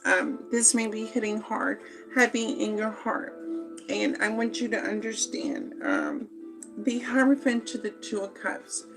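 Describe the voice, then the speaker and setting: A woman giving a slow, meandering spoken tarot reading, with many fillers and pauses. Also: mid-range voice, sing-song, vocal fry, over music, low-quality recording. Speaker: tarot reader.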